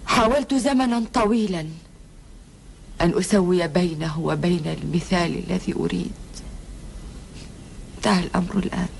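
A woman's voice: lowish voice, creaky. Proud, sorrowful Bedouin woman, noisy soundtrack. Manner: grave, deliberate, formal delivery. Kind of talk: solemn classical Arabic historical TV drama acting. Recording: old TV soundtrack with background noise.

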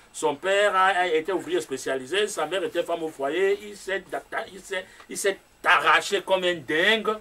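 A man's voice: sits high, fairly bright tone. A man from Cameroon with a Cameroonian French accent, an author speaking as a guest on a discussion show, emphatic and repeating his points. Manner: emphatic, with repeated rhetorical phrases. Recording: distant mic with faint room noise.

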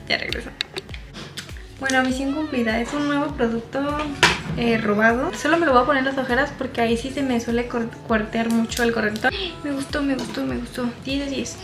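Doing her makeup in a small bedroom, a young woman in her twenties with a Mexican Spanish accent chats and rambles for her vlog, dropping self-deprecating asides. Her voice is high-pitched and the room is reverberant.

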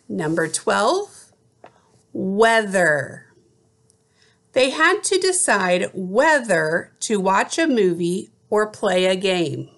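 A middle-aged woman teacher giving a slow school spelling dictation, enunciating deliberately word by word. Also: medium pitch, a bit bright. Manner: deliberate enunciation, word repeated after an example sentence. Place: small room at home, indoors.

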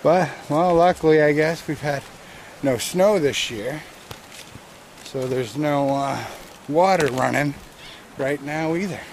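A middle-aged hiking vlogger with a slightly high voice rambles slowly to a handheld action camera held at arm's length while walking a wooded trail beside a stream. It's casual narration commenting on the hike, and the outdoor camera audio is noisy.

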